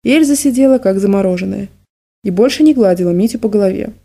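A woman narrating an audiobook in the first person with measured, even storytelling. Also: mid-range voice, vocal fry.

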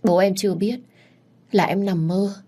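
A young woman, tearful yet defiant, pleads with emotion in an audiobook story, voiced by a woman narrator. Her voice sits a touch higher than the narration. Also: steady tone, unhurried, dark tone, close to an everyday voice.

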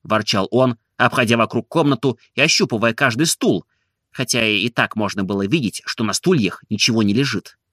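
A man narrating a classic novel in an expressive, measured audiobook reading. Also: medium pitch, no echo, clean studio sound.

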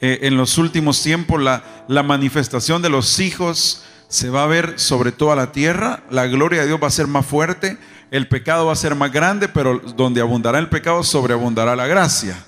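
A man's voice: a little high, moderate pace, a bit bright. A man preaching a sermon at a church service, asking questions and calling the congregation to repeat after him. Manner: rhetorical questions and call-and-response with the congregation. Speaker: pastor. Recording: long reverb, faint music behind.

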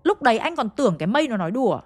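A woman's voice: on the high side, very animated, racing, a little mellow, no room sound, faint music behind. Chatty Hanoi woman telling a ghost story. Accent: Hanoi Vietnamese. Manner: chatty, dramatic, addresses listeners directly. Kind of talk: conversational ghost story retelling.

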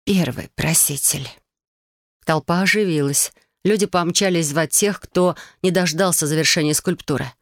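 Audiobook narrator, fantasy novel, measured, mid pitch, dry close mic. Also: no echo. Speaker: audiobook reader.

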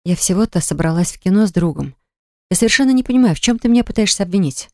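A woman's voice: animated, quick pace, no echo, studio quality, lightly acted. A reader voicing a stubborn, indignant young woman who is a mother, speaking sharply and defiantly in an audiobook. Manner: sharp, defiant, shrill when upset. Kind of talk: audiobook acting.

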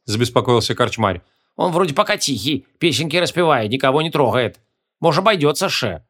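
A man's voice: medium pitch, expressive, brisk, a bit bright. A man voicing a fearful, grumbling rustic innkeeper in his sixties, with folksy speech and a fretful whine. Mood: grumbling fussy. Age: 60s.

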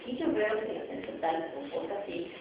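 A woman's voice: medium pitch, sing-song, fairly quick, noisy background. A woman professor giving a university phonetics lecture, explaining and often checking in with the class. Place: large echoey classroom. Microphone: distant recorder. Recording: echoey, distant, muffled classroom recording.

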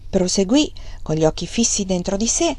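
A woman reading a novel aloud as an audiobook, in steady, measured narration. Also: medium pitch, no room sound. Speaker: audiobook reader. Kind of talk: scripted narration.

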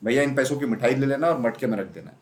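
A man's voice: mid-range voice, fast talker, darkish tone, natural voice. A man voicing a humble, proud and kindly poor postal runner who speaks earnestly, in a storybook reading. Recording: roomy echo.

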